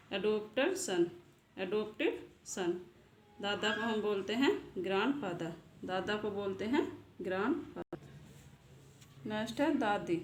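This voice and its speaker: A woman hosting a casual vocabulary lesson, asking a question and answering it herself, repeating each word twice. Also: mid-range voice. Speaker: channel host and English teacher. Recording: echoey room with faint noise.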